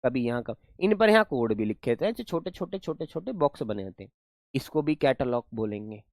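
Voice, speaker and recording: A man's voice: medium pitch, expressive, a little fast, no room sound, studio quality. Playful man teaching a class. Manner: playful, coaxing, repeats words for pupils. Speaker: online teacher. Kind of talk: live class teaching vocabulary.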